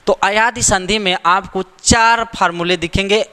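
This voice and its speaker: A man's voice: high voice, fairly even intonation, moderate pace, bright, forceful tone, clean tone, big-room sound. A man teaching a grammar lesson, repeating the rules and asking rhetorical questions to check that students follow. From India.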